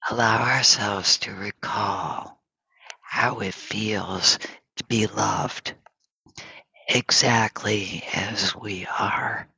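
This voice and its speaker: A man giving a gentle meditation talk at home, speaking softly and slowly with a breathy, often half-whispered voice and long pauses between phrases. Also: on the low side, fairly even intonation, dry recording, lo-fi sound. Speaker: meditation teacher. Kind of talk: gentle guided dharma talk. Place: home, over an online session.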